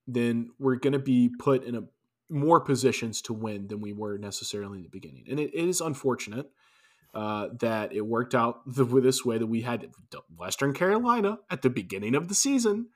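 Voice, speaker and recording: A man's voice: medium pitch, expressive, normal speed. Male podcast co-host, mid-range voice, easygoing sports banter with dry asides. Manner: loose, restarting, wry asides. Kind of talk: casual sports chat.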